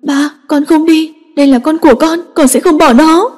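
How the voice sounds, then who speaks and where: A woman's voice: high voice, fairly even intonation, normal speed, a little mellow, pitched above the performer's own voice, natural voice. A woman voicing a tearful nineteen-year-old girl, crying as she begs her father. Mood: pleading. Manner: sobbing, begging. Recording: long echoing reverb.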